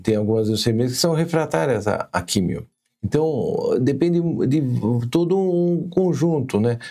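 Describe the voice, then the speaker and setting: A Brazilian man with a gravelly, dark voice explains medical details. He is careful and hesitant, often restarting his sentences to find the right term. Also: mid-range voice, expressive, moderate pace. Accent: Brazilian Portuguese. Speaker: physician guest.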